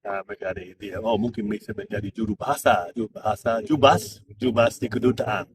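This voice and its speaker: A middle-aged man, an English speaker, speaks Indonesian as a foreigner in a casual interview, halting as he searches for words. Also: lowish voice. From Australia. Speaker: interview guest, former diplomat and interpreter. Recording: distant mic amid clear crowd chatter.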